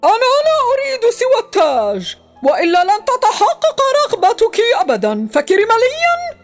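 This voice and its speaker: Cunning male jinn, voiced by a woman, very high and sly, storybook. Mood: bargaining. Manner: crafty, bargaining. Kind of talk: storybook voice acting.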